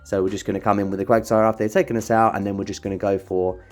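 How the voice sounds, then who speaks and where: Fast-talking man ranting over gameplay. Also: lowish voice, level tone. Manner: rapid, ranting when annoyed. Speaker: gaming commentator. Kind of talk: gameplay commentary.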